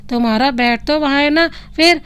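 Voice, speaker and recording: A woman's voice: high-pitched, moderate pace, fairly bright tone. A woman voicing a feisty young bride who snaps and scolds her new husband. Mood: angry. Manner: snappy scolding.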